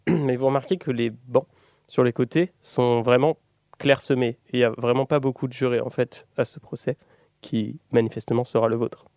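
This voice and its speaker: A man's voice: mid-range voice, fairly even intonation, normal speed, darkish tone, dry recording, clean studio sound. A man acting as game master, improvising the narration of a tabletop role-playing game in a conversational way.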